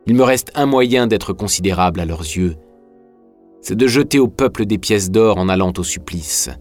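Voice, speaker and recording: Guy reading as a proud bitter young prisoner, low voice, scornful, faint music under it. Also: moderate pace, darkish tone, natural voice.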